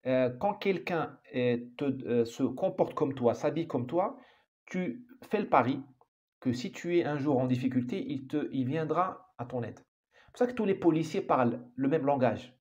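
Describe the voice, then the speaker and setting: A man's voice: mid-range voice, animated, normal speed, darkish tone, lo-fi sound. A man giving an opinionated monologue as an author, emphatic and full of restarts and repeated words. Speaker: author commenting on society.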